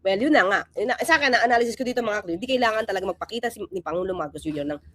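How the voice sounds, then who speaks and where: A woman's voice: mid-range voice, very fast. A woman hosting a casual political commentary vlog, talking emphatically and animatedly and throwing out rhetorical questions to her viewers. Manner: emphatic, keeps asking rhetorical "di ba?"; animated, swings between loud and quiet.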